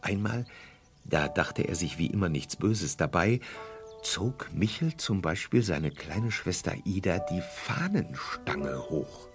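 Deep-voiced male documentary narrator. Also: sing-song, slow, over music.

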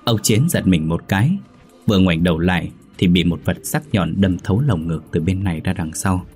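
A man narrating a ghost story in a steady, measured reading voice. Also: sits low, soft background music.

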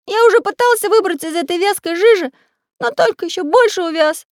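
A woman voicing an excitable living pencil who talks in a squeaky, rapid way. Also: no echo, clean studio sound. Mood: excited. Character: cheerful boy-sized living pencil, excitable.

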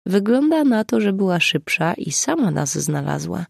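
A reader doing a brisk, practical woman. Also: medium pitch, big pitch swings, creaky, no echo, studio quality, heavily acted. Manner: quick and matter-of-fact.

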